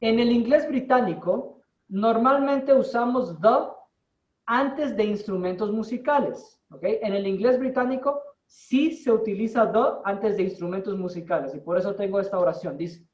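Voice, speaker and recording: Man teaching, far off in an echoey room. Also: sits high. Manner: slow, deliberate explaining, checks in with students. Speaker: English teacher. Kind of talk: classroom teaching in Spanish. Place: classroom with students. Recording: distant, roomy, dull-sounding.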